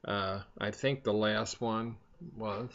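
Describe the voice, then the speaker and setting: An older man chatting casually in a rambling, halting way, talking around the pipe he is puffing on. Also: fairly low pitch, steady tone, fairly bright tone. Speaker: vlogger. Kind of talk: casual chat to camera. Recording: dull, lo-fi sound.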